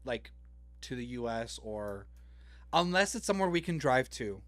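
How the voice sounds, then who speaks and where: A man's voice: medium pitch, sing-song, moderate pace. A man co-hosting a podcast in casual chat, self-deprecating, swearing and laughing a lot. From Canada. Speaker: podcast co-host.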